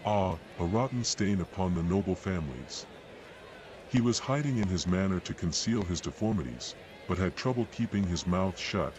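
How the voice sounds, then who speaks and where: An actor playing a cold, solemn executioner who declaims in a grandiose, ceremonial manner in a dramatic video game. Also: male voice, sits low, animated, normal speed, darkish tone, lo-fi sound, a little hiss or hum. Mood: cold disdain. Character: cold solemn male executioner presiding over public burnings.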